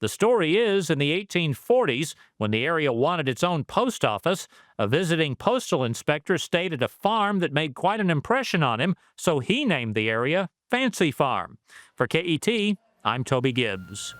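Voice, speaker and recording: Lively male news reporter narrating. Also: fairly high pitch, normal speed, dry recording, clean studio sound.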